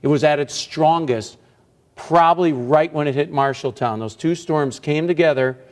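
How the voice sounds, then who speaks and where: A man's voice: on the high side, normal speed. A man working as a TV meteorologist, giving live radar commentary in short, emphatic phrases. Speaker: chief TV meteorologist.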